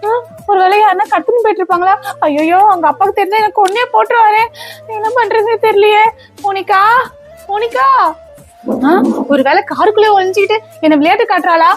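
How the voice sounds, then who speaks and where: A woman acting as a stern, fussy stepmother in a comedy sketch, with a very high, piercing voice that scolds and then shrieks in worry. Light music plays faintly behind her. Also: fairly quick. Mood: frantic. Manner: scolding, then frantic calling out. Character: bossy stepmother, adult woman, stern and fretful.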